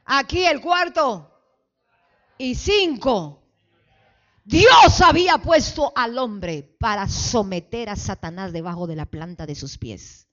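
A woman pastor leading a call-and-response sermon, fervently exhorting the congregation and building to shouts. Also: a little high, expressive, takes it slowly, muffled recording. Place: church sanctuary.

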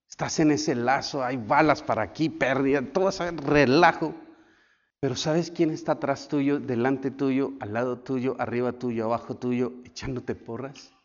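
A man preaching a sermon as pastor, swinging between loud shouts and hushed lines. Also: medium pitch, measured pace, big-room sound, lo-fi sound. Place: church.

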